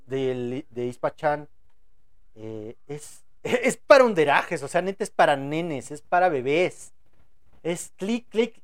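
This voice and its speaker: A young Mexican man hosting a live podcast in casual, rambling chat, full of crude slang, stuttered repeats and restarts. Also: fairly high pitch. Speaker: podcast host.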